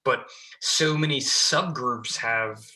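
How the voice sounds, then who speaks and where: A man, a fire lieutenant, speaking as a podcast guest in enthusiastic, casual conversation that comes in quick bursts. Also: medium pitch, bright, forceful tone.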